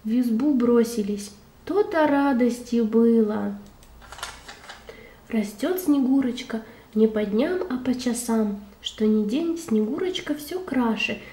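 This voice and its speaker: A woman reading a children's fairy tale aloud in an expressive, measured, folksy way. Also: fairly high pitch, roomy sound.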